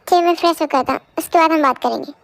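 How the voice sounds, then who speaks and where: A distraught young husband in a fan-dubbed drama, voiced by a young woman. He sounds high and light for a man, and his lines come out pleading and halting with emotion. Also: creaky, no echo. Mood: cold. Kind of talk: amateur fan dub drama.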